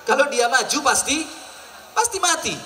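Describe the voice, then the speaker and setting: East Javanese male preacher, high and bright, animated storytelling sermon, mic a bit distant, light crowd ambience. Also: normal speed, a little hiss or hum. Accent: East Javanese Indonesian. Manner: lively storyteller acting out characters, mixing in local slang and Arabic. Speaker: Islamic preacher. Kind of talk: storytelling sermon at a public event. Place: outdoor food festival stage.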